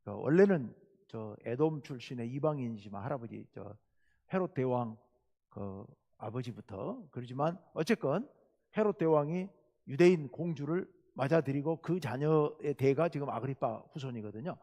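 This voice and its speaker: A male pastor preaching a Wednesday sermon, animated and acting out quoted lines with sudden loud bursts. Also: medium pitch, normal speed. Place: church sanctuary. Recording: church hall reverb.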